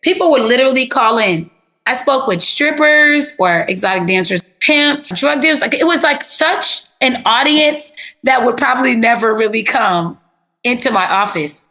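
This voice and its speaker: Bright-voiced chatty woman therapist. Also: a little high, moderate pace. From South Florida. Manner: animated, chatty, plain-spoken with slang. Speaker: therapist, interview guest. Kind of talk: casual interview storytelling.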